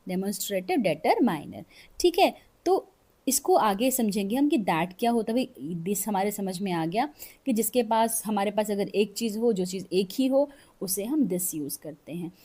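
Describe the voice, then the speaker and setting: A woman's voice: mid-range voice, expressive, warm tone. A woman teaching English grammar in Hindi mixed with English, explaining step by step and reading out example sentences word by word. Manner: slow, explains step by step, often checks with "ठीक है". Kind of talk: Hindi-English grammar lesson with board drawings.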